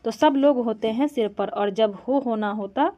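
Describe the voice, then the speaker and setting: A woman's voice: a little high, moderate pace, mellow, lo-fi sound, lightly acted. A woman reading the part of a sulky, defiant teenage girl aloud from a script. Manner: read aloud plainly from a script.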